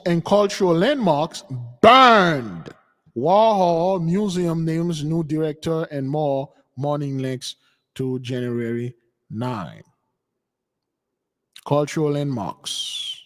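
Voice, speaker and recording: A man's voice: on the high side, long reverb tail. A man hosting a religious commentary on news clips, talking in a scoffing, repetitive, conversational way. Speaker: host.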